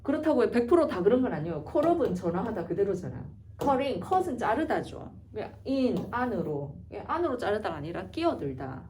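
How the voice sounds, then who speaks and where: A woman's voice: mid-range voice, very animated, moderate pace, few pauses, mellow, recorded from a distance, a little hiss or hum. A woman teaching English grammar to students, explaining step by step and asking herself questions she then answers. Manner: explains patiently, quizzes herself aloud. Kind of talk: grammar lecture.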